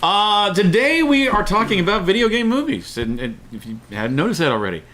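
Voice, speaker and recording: Pitched high, very animated and pushed and bright, a middle-aged man talks fairly quickly as co-host of a casual opinion show. He is emphatic and repeats himself for stress, over clear background noise and room ambience.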